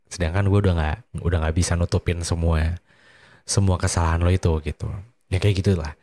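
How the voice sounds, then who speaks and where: Though his tone is steady and his pace brisk, this dark-voiced man sounds tired, drowsy, and slightly unwell, recorded dry. He has an Indonesian accent and chats casually as the sole host of a late-night podcast, his delivery sleepy and low on energy.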